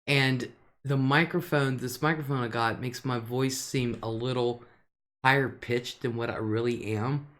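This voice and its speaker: An older woman with a deep alto chats casually on her live stream, reading viewer comments aloud and laughing often between remarks. She speaks unhurriedly, with fairly even intonation.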